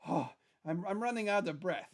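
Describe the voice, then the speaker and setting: A man's voice: high-pitched, lively intonation, normal speed. A man voicing a chatty skeleton show host in casual livestream talk, rambling and repeating phrases for emphasis. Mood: chatty, playful. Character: animated skeleton character, chatty male puppet show host. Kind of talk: casual in-character livestream chat.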